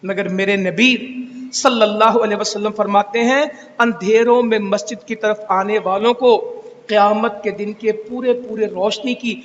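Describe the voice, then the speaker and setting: A man's voice: high voice, steady tone, unhurried, dull audio. A man preaching a Friday sermon in a mosque, scolding and exhorting with rhetorical questions. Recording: echoey hall reverb.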